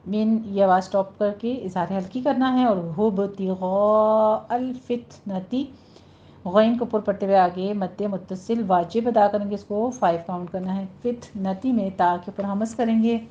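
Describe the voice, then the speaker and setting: Mellow-voiced woman teaching Quran recitation. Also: mid-range voice, fairly even intonation. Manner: slow, drawn-out demonstration of each word, then brisk explanation. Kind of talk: recitation lesson. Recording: dull lo-fi sound.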